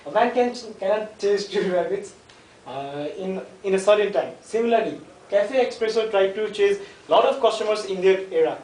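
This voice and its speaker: A young man from Nepal, his voice high-sitting and darkish, delivers a class presentation at a moderate pace. He's hesitant and jokey as a student presenter, addressing and quizzing the class. The recording is echoey, with the mic far away in the classroom.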